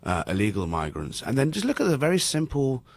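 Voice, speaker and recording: A man's voice: medium pitch, wildly swooping pitch, fairly quick. A man, a newspaper editor, speaking as a guest in a radio interview in an emphatic, exasperated way. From Britain.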